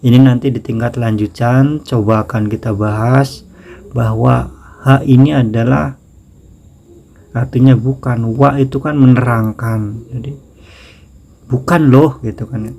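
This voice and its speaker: A man with an Indonesian accent teaching a casual grammar lesson, slowly repeating example sentences. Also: medium pitch, steady tone, mellow. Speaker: Japanese language teacher.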